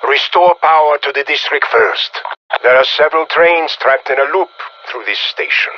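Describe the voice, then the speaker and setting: In a video game, a man plays a stern, menacing Soviet colonel, speaking through a radio filter with a Russian accent. His gruff, fairly high voice moves at normal speed, barking clipped orders in an authoritative, threatening way. The sound is lo-fi.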